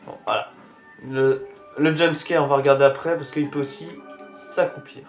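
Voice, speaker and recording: With a medium pitch that barely moves, the man talks at a moderate pace while displaying characters in a game. He reacts casually and exclaims at things on screen as a gameplay commentator. The recording is dull and lo-fi, with game music faintly audible.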